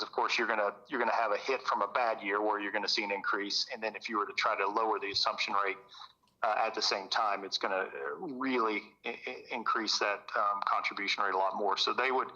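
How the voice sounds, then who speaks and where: A man speaks over a muffled phone line in a lowish voice with a sharp, very bright, tense tone. He leans on "um" and restarts mid-phrase while advising a board. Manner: many "um" fillers and self-corrections. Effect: heard through a phone line. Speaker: consultant liaison briefing a city board. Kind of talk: briefing at a public meeting by phone.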